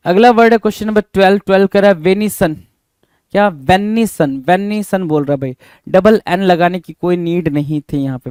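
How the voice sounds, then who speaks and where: A male teacher from India giving a spelling lesson in Hindi, repeating each word and spelling it out slowly letter by letter while talking straight to his students. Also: on the high side, darkish tone, dry recording. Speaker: English teacher.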